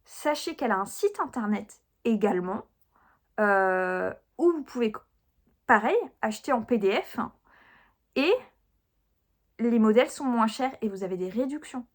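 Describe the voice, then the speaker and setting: A woman's voice: on the high side, animated, unhurried, pauses often. Chatty woman showing her stitching. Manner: chatty, many fillers and restarts, speaks directly to viewers. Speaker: crafting channel host. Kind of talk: casual chat showing her cross-stitch projects.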